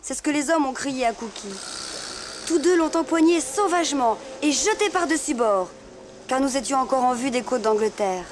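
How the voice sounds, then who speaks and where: A woman's voice: sits high, animated, moderate pace, background noise. A woman narrating as a young girl reading her letters to a friend in a confiding tone. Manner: gentle, confiding.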